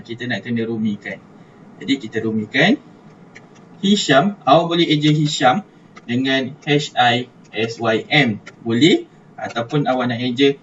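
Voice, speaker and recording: A man with a Malaysian Malay accent, a religious studies teacher giving an online class, chatty and repeating words as he thinks aloud. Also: mid-range voice. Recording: distant mic, dull lo-fi, faint hiss.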